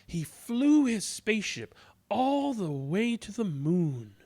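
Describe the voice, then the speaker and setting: With a high-pitched voice, a man performs a children's story with lots of drama and expression, deliberately drawing out each word.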